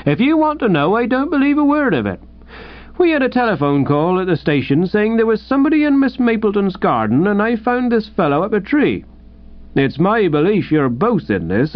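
A man voicing a stubborn, suspicious policeman who speaks bluntly and gruffly. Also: high-pitched, sing-song, normal speed, pitched above the performer's own voice. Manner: blunt and gruff, clipped protests. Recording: dull, dry studio recording.

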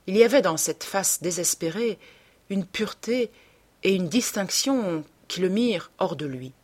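A woman narrating a classic novel in a measured, even storytelling manner. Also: medium pitch, slightly rough. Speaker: audiobook narrator. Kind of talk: scripted literary narration.

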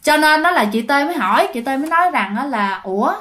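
A woman with a Southern Vietnamese accent tells a ghost story in a chatty way, speaking directly to her listeners. Her voice is high-pitched, expressive, and fairly bright, and she talks at a quick pace.

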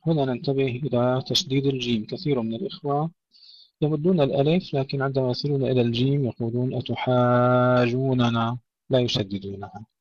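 A man teaching tajweed, explaining pronunciation errors and reciting each example slowly and drawn out. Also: mid-range voice, darkish tone, no echo, muffled recording.

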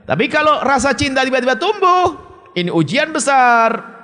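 A man's voice: very animated, moderate pace, big-room sound. A male preacher giving a sermon in answer to an audience question, speaking in an emphatic, stern way. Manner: emphatic and stern, with sharp swings of pitch.

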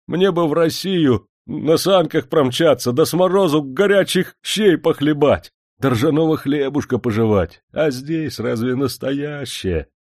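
A man's voice: mid-range voice, lively intonation, a little mellow, no room sound, studio quality, pitched above the performer's own voice. Man doing a fervent homesick serf servant. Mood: wistful. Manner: exclaiming, drawn-out and fervent. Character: homesick Russian serf manservant, eager, emotional man.

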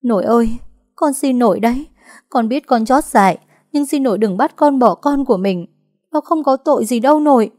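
A woman's voice: on the high side, normal speed, darkish tone, no echo, studio quality, pitched above the performer's own voice, natural voice. A woman voicing a young pregnant village girl who pleads tearfully with her grandmother. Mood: pleading.

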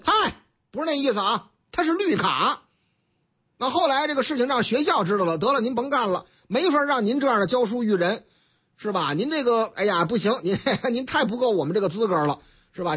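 Speaking in a very high, slightly rough voice, this Beijing-accented radio host chats through newspaper stories on his commentary show. He tells them with energy, shifting his voice to perform the characters he quotes, and the audio has a dull, lo-fi radio quality.

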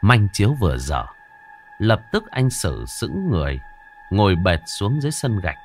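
A man narrating a scripted horror story in a dramatic, expressive way. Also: fairly low pitch, moderate pace, faint music behind.

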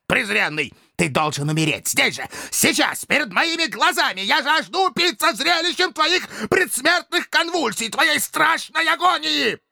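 A man voicing a furious, dying old Roman dictator, hoarse and frenzied as he screams orders. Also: very high-pitched, very animated, normal speed, few pauses, bright, forceful tone, dry recording, studio quality, pitched above the performer's own voice, full character voice. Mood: raging.

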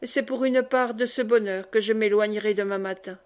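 A woman reading the part of an earnest young male worker in love, speaking tenderly and gravely in an audiobook. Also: mid-range voice, fairly even intonation, fairly quick, natural voice.

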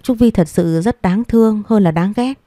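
A woman's voice: medium pitch, normal speed, dark tone, no echo, clean studio sound, pitched above the performer's own voice, lightly acted. A woman voicing a kind, earnest young granddaughter in an audio story, speaking in a pleading way.

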